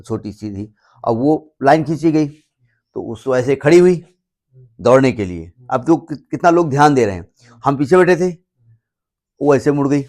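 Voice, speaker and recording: A man's voice: mid-range voice, expressive, moderate pace, a little mellow. A man teaching a maths class in a chatty way, repeating key points, mixing English terms into his explanations and checking that students follow. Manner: stops often to check that students understand. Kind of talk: classroom lecture.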